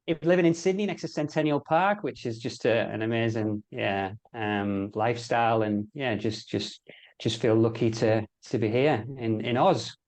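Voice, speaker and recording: A middle-aged Englishman from the sport and health sector speaks as a guest in a casual interview chat, with hesitant phrasing and repeated words. His English-accented voice is medium-pitched, a little mellow, and moderately paced.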